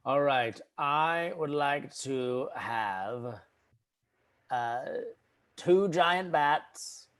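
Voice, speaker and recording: A man playing a tabletop game, chatting casually in a halting, deliberate way as he makes his choices. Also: medium pitch, fairly bright tone.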